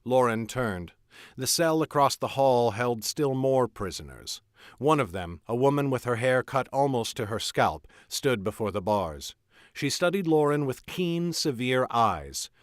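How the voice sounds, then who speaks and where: A man reading his own fantasy novel aloud in an expressive storytelling manner. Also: mid-range voice, no echo, clean studio sound.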